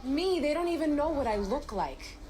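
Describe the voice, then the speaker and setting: An actress playing a stranded young woman in a film, speaking in a dry, deadpan way. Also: sits high, normal speed, a little hiss or hum. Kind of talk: film dialogue.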